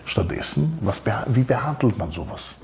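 A man's voice: medium pitch, normal speed, a little hiss or hum. A man giving an informal Torah talk, telling personal stories and acting out the dialogue in them. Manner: animated, acts out quoted dialogue. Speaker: Torah teacher.

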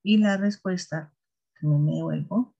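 A teacher walks students through a grammar lesson at an even, mid-range pitch. The voice is a little husky, and the delivery is patient, with frequent pauses to check that everyone is following. The recording sounds dull and lo-fi. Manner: patient, checks understanding with repeated "¿listo?". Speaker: English teacher. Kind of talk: recorded class explanation.

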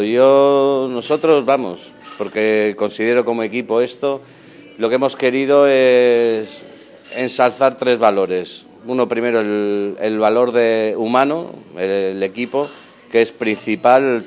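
A man's voice: mid-range voice, darkish tone. A man in his thirties, a restaurant manager, answering interview questions in a restaurant dining room, speaking earnestly with frequent fillers and restarts into a handheld mic. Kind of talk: on-camera interview. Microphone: handheld mic held by interviewer.

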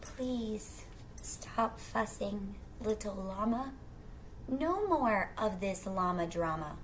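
This low-quality recording, carrying a little hiss or hum, captures a middle-aged woman with a medium-pitched voice reading a children's picture book aloud in a small room at home. She reads expressively, drawing out the rhymes, questioning her young listeners and slipping in casual asides.

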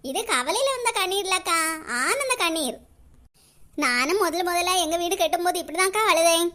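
A woman's voice: extremely high pitch, animated, normal speed, sharp tone, exaggerated voice. A woman voicing a gossipy, boastful village auntie in a cartoon. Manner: chatty, gossipy.

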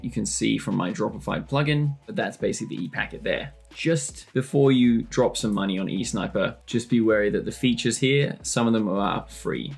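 Male presenter for a walkthrough, husky and gravelly, loose and jokey, pokes fun at himself. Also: on the low side. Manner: chatty, self-deprecating and joking. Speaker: tutorial presenter. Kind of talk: casual screen-share walkthrough.

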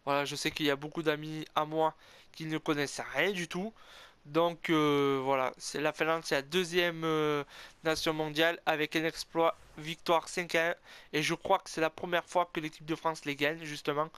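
A man's voice: on the high side, moderate pace, clean tone, no echo. A man commentating his own ice hockey video game match, cheering, groaning and correcting himself as he plays. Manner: animated, cheering and groaning, frequent "oh là là" exclamations; self-corrects and admits being an amateur. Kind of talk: excited play-by-play game commentary.

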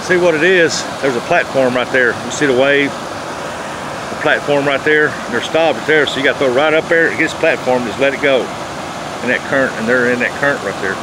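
A middle-aged man with a mid-range voice talks in a plain-spoken, folksy way for an outdoor fishing vlog. He's standing on a rocky riverbank holding his phone at arm's length, and the video is noisy with rushing river water and outdoor sound.

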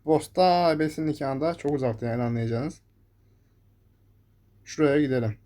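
A man's voice: a little high, normal speed, mellow. A young man giving live gameplay commentary, talking to his viewers and cursing at the enemies that chase him. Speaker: gameplay streamer.

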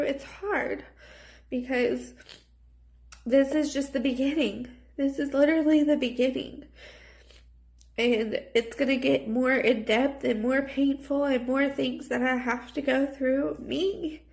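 A woman's voice: sits high, vocal fry. A woman in her thirties speaking in a personal, confessional vlog, recorded on a phone in a small room. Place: small plain indoor room. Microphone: phone at arm's length.

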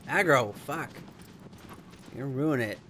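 A man's voice: mid-range voice, animated, takes it slowly, bright, forceful tone, a little hiss or hum. A man co-hosting a let's play, cracking jokes and swearing as he plays. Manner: joking, giggly, swears freely. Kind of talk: casual gameplay commentary.

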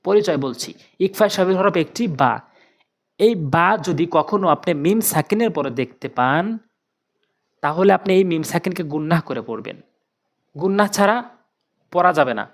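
Quran teacher going letter by letter, repeating each sound slow and patient, asks then answers his own questions. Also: mid-range voice, lively intonation. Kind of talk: step-by-step tajweed lesson.

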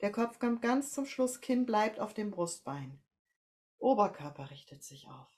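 Here a female voice coach with a German accent talks in a mid-range voice. Her instructions for a breathing and posture exercise come slowly and calmly, one step at a time.

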